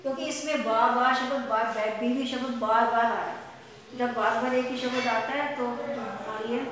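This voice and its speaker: A woman teacher explaining a practical lesson, repeating points patiently and reading English tongue twisters slowly and deliberately. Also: a little high, steady tone, fairly bright tone. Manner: repetitive and explanatory, mixing Hindi with English phrases. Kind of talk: recorded classroom lesson. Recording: very echoey hall.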